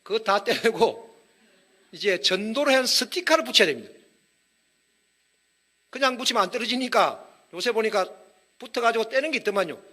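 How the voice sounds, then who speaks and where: A man preaching a lively sermon, joking with wordplay and calling on the congregation to raise their hands. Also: high-pitched, moderate pace, long pauses. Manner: energetic, humorous, with wordplay and audience prompts. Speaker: pastor. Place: church hall.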